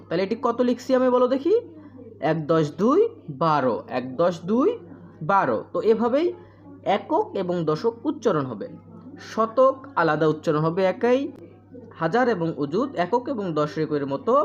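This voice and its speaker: Casting: woman math teacher, low voice that rises and falls a lot, dull lo-fi audio. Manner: repeats questions and answers, counts out place values slowly. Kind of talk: primary school math lesson. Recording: dull lo-fi sound.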